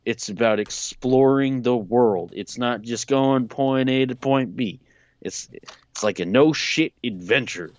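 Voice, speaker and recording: A man's voice: mid-range voice, unhurried, no echo, muffled recording. A man co-hosting a podcast, ranting casually and swearing freely. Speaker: podcast co-host.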